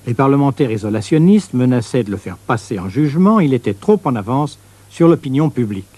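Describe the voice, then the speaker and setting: Mellow-voiced male documentary narrator. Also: mid-range voice, big pitch swings, fairly quick, dry recording. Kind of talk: scripted historical documentary narration in French.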